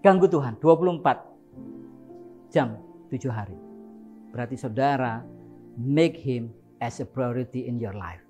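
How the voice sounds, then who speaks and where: A man preaching a lively, joking sermon, playfully acting out shouted prayers. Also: mid-range voice, measured pace, pauses often, soft background music. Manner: animated, jokes and laughs, acts out shouted prayers.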